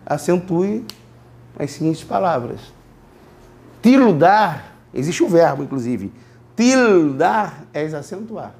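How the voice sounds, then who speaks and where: Male language teacher from Brazil, high voice, classroom lecture, drills pronunciation by repetition. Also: very animated, creaky, a little mellow. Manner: explains slowly, repeats words, asks students to repeat. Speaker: Spanish teacher.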